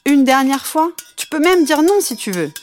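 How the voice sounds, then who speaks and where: A woman guiding children through a movement session, counting out each step slowly and encouraging them. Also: high-pitched, big pitch swings, soft background music. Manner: slow, encouraging counting and instructions. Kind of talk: guided kids' exercise session.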